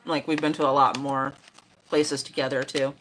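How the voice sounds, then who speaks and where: Middle-aged woman, low voice, casual chat, lots of ums, faint hiss behind. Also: moderate pace. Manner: relaxed, chatty, many fillers. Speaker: mother and moderator of the stream.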